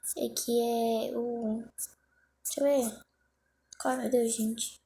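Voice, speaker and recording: A young woman vlogging casually, flustered and hurried as she races a timer. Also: a little high, flat delivery, vocal fry, mellow. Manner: flustered, hurried, self-mocking. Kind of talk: casual self-talk during a timed phone challenge.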